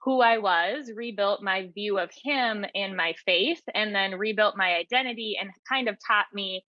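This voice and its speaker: A woman in her 30s or older, a podcast guest who is an author and teacher, reflects on her own experience in an earnest, explanatory interview. Her mid-range voice moves at normal speed, and the recording is muffled with no echo.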